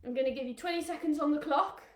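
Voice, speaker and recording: A bright, high-voiced woman from England talks quickly as she coaches small children through rugby games on a live stream, counting down along the way. She's upbeat and encouraging, the room rings with echo, and she sometimes sounds slightly out of breath.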